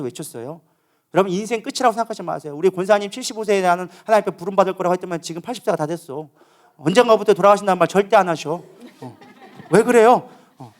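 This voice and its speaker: A male pastor preaching with a high voice that runs fast. He presses hard on key phrases, acts out troubled inner voices, and keeps asking his congregation questions. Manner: emphatic, acts out inner voices with rising pitch. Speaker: co-lead pastor. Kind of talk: sermon at a prayer meeting.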